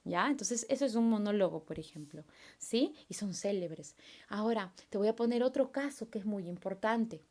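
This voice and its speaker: A woman's voice: medium pitch, normal speed. A woman teacher from Peru, giving a recorded class lesson and firing questions at her students. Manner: animated, asks students questions and acts out their replies.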